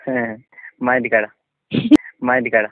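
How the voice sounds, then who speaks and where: On a tinny, dry, band-limited phone line, a man with a Telangana Telugu accent takes what is a prank call from a friend. He chats casually but bluntly and warily, asking lots of questions, his medium-pitched voice barely moving in pitch at a normal speed, with no room sound.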